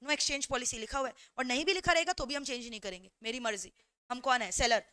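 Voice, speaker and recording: A woman law teacher giving an animated revision lecture through stories, mixing in English phrases and constantly checking that students follow along. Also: sits high, a little fast, dry recording.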